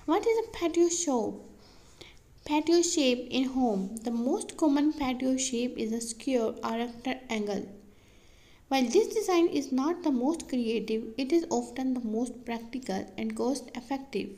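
A woman's voice: high voice, expressive, unhurried, dark tone, low-quality recording. A woman narrating a home-and-garden explainer, reading questions and answers like a list, with occasional slips and restarts. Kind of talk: read-aloud explainer narration.

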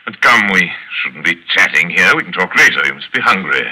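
An actor playing a suave, sinister aristocratic general, speaking with silky, elaborate courtesy in old radio suspense style. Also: male voice, low-pitched, big pitch swings, a little fast, sharp tone, husky, full character voice. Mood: courteous, suave. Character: suave, sinister aristocratic foreign general and big-game hunter. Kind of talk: 1940s radio suspense acting. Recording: noisy old radio drama recording.

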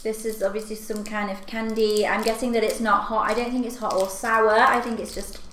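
A young woman chatting casually to camera as she tastes and eats candy, with expressive, exclaiming reactions. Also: fairly high pitch, a little fast. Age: young adult. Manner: talking while eating candy and snacks. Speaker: video host. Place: small furnished room at home, indoors. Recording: echoey room, clear background noise.

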